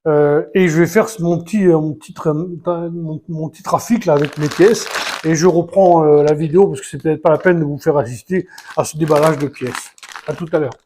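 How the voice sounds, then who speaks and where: Guy narrating his build live, kinda high voice, lots of uh and restarts, counts pieces out loud. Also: steady tone, moderate pace, slight background noise. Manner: hesitant, many fillers and restarts, counting pieces aloud. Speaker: Lego building vlogger. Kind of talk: casual live building commentary.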